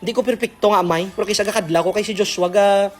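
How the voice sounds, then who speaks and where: A man's voice: high voice, steady tone, rapid-fire. A young man preaching a devotional sermon, switching between languages and often asking his listeners if they follow. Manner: code-switching, keeps checking in with listeners.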